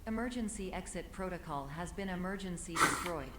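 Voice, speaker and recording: A woman voicing a malfunctioning computer system, a glitching robotic voice with a flat, clipped announcer delivery. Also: fairly low pitch, brisk. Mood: clinical. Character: malfunctioning female computer voice running therapy protocols. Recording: echoey game audio over loud noise.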